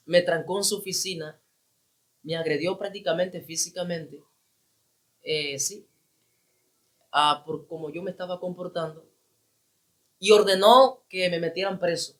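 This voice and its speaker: High-voiced evangelist telling his testimony. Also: a bit bright. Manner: emotional, repeats phrases for emphasis. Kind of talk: personal testimony.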